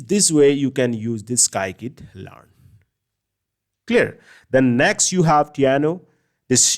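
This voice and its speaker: A man's voice: mid-range voice, a little mellow. A man giving a recorded lecture, explaining step by step and often checking in with the class. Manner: explanatory, checks in with "okay" and "clear?".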